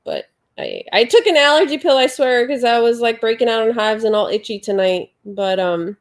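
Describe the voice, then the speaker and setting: Congested and sniffling, this forties-something woman runs a laid-back home livestream, chatting and rambling through viewer comments with plenty of fillers. Her pitch sits a little high, her delivery is very animated, and she talks at a normal speed.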